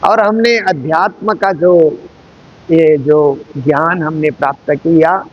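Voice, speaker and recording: Slow, measured male spiritual teacher. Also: a little high, creaky, breathy edge, muffled recording. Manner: slow, measured, repeating phrases for emphasis. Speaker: spiritual teacher giving a scripture discourse. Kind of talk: devotional discourse.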